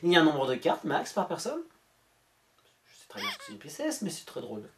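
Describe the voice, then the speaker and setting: A woman reads a scam conversation aloud with comic asides, her pitch swinging widely from line to line. She slips in and out of mock voices and drops casual swear words. The tone is sarcastic throughout. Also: huge pitch swings, fast talker, a little hiss or hum. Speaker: YouTuber.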